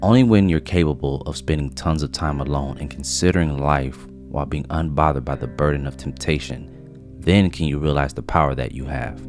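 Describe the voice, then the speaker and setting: A man narrating a scripted video essay in a measured, reflective way. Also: rumbling low, a little mellow. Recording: faint music behind voice.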